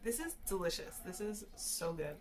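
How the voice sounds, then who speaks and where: A woman's voice: on the low side, sing-song, moderate pace, a little mellow. A tipsy woman chatting casually to camera as she hosts a food video, slangy and given to swearing. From Caribbean background. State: tipsy from shots. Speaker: mukbang and drunk-cooking video host. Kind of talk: casual chat to camera while eating and cooking.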